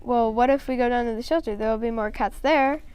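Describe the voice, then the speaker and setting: Woman doing young boy, friendly, excitable, highish, smooth clear tone. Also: close to an everyday voice. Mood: eager. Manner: excited, quick to marvel.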